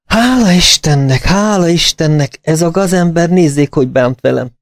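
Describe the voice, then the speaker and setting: A man's voice: fairly high pitch, no echo, studio quality, pitched above the performer's own voice, lightly acted. A man voicing a tormented young woman who speaks in pleading, urgent bursts. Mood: relieved.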